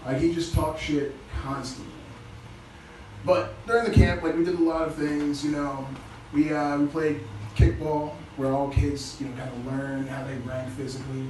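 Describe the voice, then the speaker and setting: A man doing a crude, casual stand-up set, chuckling at his own punchlines. His voice sits a little high for a man and comes through low-quality stream audio. He sounds far from the mic in a very echoey club, with plain hiss underneath. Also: level tone, moderate pace. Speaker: stand-up comedian. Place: small comedy club stage.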